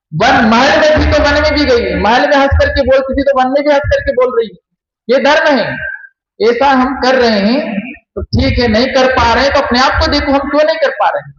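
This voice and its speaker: A man giving a devotional sermon, chanting verses slowly and explaining them through rhetorical questions. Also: very high voice, fairly bright tone. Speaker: kathavachak preacher. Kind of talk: devotional sermon with scripture quotes. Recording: echoey, muffled.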